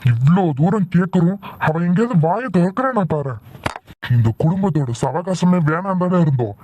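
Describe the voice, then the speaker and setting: A man's voice: high-pitched, animated, moderate pace, warm tone. A man doing a stern worried cartoon father. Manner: stern, demanding. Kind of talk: cartoon voice acting.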